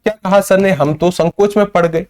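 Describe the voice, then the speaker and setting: High-voiced male teacher. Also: fairly even intonation, normal speed, a little mellow. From northern India. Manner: repetitive, asks and answers his own questions; greets and answers viewers by name. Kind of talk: live online grammar lecture.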